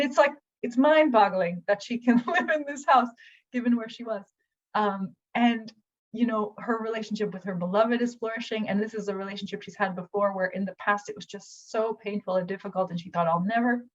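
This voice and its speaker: Chatty woman healer, dull recording. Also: medium pitch. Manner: chatty, animated retelling with many fillers. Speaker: acupuncturist and healer. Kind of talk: personal testimonial.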